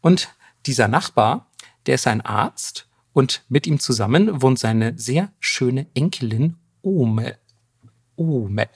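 A man's voice: medium pitch, animated, takes it slowly, breathy edge. Guy telling a story on his podcast, super casual and slangy, laughs a lot. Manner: colloquial and slangy, laughs often, acts out quotes. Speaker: podcast host.

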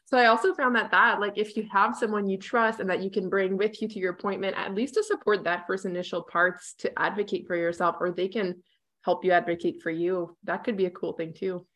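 A woman's voice: medium pitch, fairly even intonation, fairly quick, fairly bright tone. A woman hosting a podcast as a dietitian, chatting casually and leaning heavily on "like.". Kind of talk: casual conversational interview.

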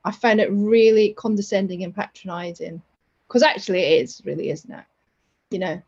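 A woman's voice: mid-range voice, normal speed, a little mellow, husky, lo-fi sound. A woman co-hosting a podcast in a chatty, self-deprecating way, laughing often. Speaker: podcast co-host. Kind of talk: casual podcast chat.

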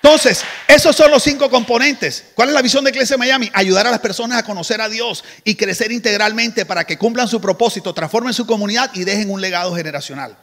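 Man preaching, high voice, lively and joking with the crowd, long church-hall reverb. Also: quick pace, few pauses. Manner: animated, joking asides to the congregation. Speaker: pastor. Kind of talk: sermon.

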